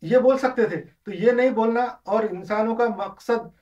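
A man's voice: high-pitched, moderate pace, darkish tone. A man gives an informal religious lesson, explaining with examples and often hesitating or restarting. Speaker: religious lecturer. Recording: distant, dull lo-fi.

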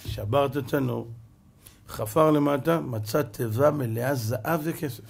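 Gravelly-voiced rabbi telling a story. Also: male voice, mid-range voice. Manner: animated storyteller, drops to a hush for suspense. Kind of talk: storytelling sermon.

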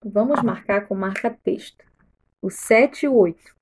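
A woman missionary reading the Bible aloud slowly and deliberately during a live stream, pausing to tell listeners which verses to mark. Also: mid-range voice, a little mellow, slight background noise.

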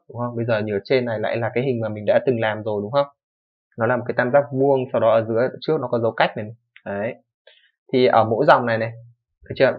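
A young man rattles through a coding lesson at a fast clip. He keeps it casual, often checking in with his listener and fixing his own slips as he goes. The recording sounds dull and lo-fi. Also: medium pitch. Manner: fast, informal explaining with frequent "đúng không" checks and self-corrections. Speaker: programming teacher. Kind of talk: screen-recorded coding tutorial. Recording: dull lo-fi microphone.

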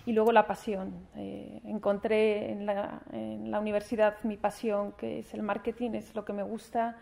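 An honored alumna in her forties from Spain gives an earnest speech at a university ceremony, seated at a panel table in a large formal hall and talking into a table microphone while gesturing with her hands. Her mid-range voice is creaky and a little mellow, with little pitch movement and a moderate pace, and she often restarts and uses fillers.

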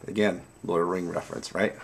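A man in his forties chatting casually to camera in a savoring way, pausing between puffs on a pipe. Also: deep voice, steady tone, vocal fry, a little hiss or hum. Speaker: pipe-smoking vlogger. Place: small dim room at home, indoors.

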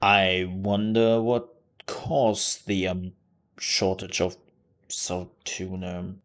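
A woman's voice: rumbling low, level tone. A woman streaming a game, commenting in a joking, sarcastic way. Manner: sarcastic, joking, slow-spoken. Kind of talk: let's play commentary.

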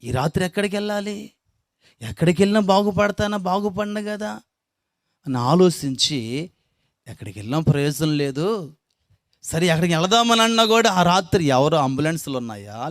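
A man's voice: fairly high pitch, animated, moderate pace, no room sound, clean studio sound. A pastor telling his own life testimony with emotion, his voice climbing when he is moved. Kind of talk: spoken testimony.

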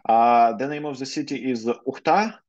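A man's voice: mid-range voice, moderate pace, darkish tone. A man in his twenties with a Russian accent, answering interview questions hesitantly with many fillers, speaking Russian as his first language. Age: 20s. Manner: hesitant, many fillers, careful non-native phrasing. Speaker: guest lawyer. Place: plain room, indoors. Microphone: video call. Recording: dull lo-fi video call audio.

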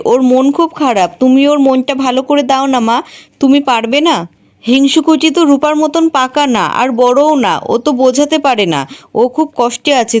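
A woman with a high voice tells a serial episode as a story. She reads every character's lines herself, keeping a plain storytelling tone throughout. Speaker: serial recap narrator. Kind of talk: scripted storytelling recap.

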